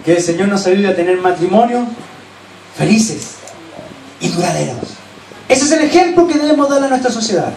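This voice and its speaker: A man with a Chilean accent preaching a sermon as pastor, earnestly urging his listeners, then dropping to soft, low asides. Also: lively intonation, normal speed, pauses often. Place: church hall. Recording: echoey church hall, distant mic, faint hiss.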